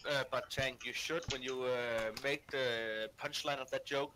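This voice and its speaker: A man in casual gaming chat, teasing and quick-witted. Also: mid-range voice, steady tone, background noise. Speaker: gaming friend. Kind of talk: casual chat, edgy jokes.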